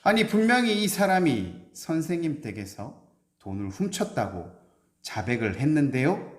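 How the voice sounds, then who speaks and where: A man's voice: on the high side, very animated, moderate pace, roomy sound, voice pushed up. A man voicing a polite but suspicious male policeman who speaks formally.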